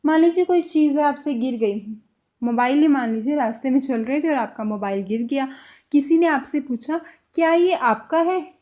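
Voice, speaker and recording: High-pitched woman teaching phrases slowly. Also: darkish tone. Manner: slow deliberate repetition of example phrases. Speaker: language teacher. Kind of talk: spoken language lesson.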